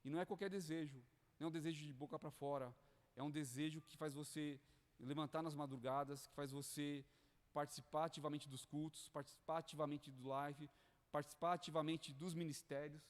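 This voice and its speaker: Brazilian guy preaching, kinda high voice, lots of hall reverb, pleading and fervent. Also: fairly even intonation, brisk. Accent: Brazilian Portuguese. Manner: fervent, pleading, adds "né?" and "queridos" often. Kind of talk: sermon to church leaders. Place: church hall.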